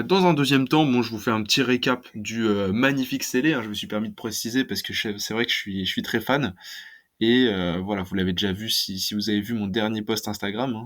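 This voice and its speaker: Man, casual video talk, hesitant, fillers, lowish pitch. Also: fairly bright tone. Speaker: card collecting YouTuber.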